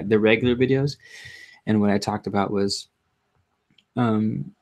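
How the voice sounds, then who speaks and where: A man hosting a casual livestream, chatting to viewers in a subdued, low-energy, rambling way with halting self-interruptions. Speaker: livestream host. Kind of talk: casual live chat to viewers.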